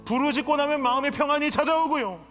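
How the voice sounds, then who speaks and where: A man's voice: extremely high pitch, fast, a bit bright. A middle-aged man preaching a sermon as pastor, telling stories with feeling and acting out voices. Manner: storytelling, acts out his daughter's and others' voices, rises to emotional pleading. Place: church sanctuary. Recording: reverberant sanctuary with faint guitar.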